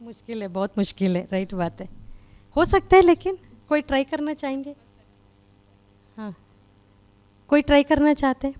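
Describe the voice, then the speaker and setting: A woman's voice: high-pitched, moderate pace, long pauses, darkish tone. A woman spiritual speaker giving a conversational talk to a live audience, with many fillers. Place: meditation hall with live audience.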